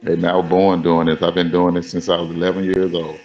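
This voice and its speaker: A deep male voice with heavy fry chats in a laid-back, colloquial way. The sound is muffled, with the buzz of clippers nearby. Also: completely flat delivery, quick pace, darkish tone. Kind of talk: casual chat. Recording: muffled, buzzing clippers, faint music.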